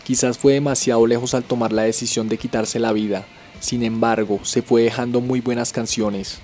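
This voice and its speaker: A man giving a scripted documentary narration as a channel host, in an even, measured storytelling delivery. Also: mid-range voice, soft background music.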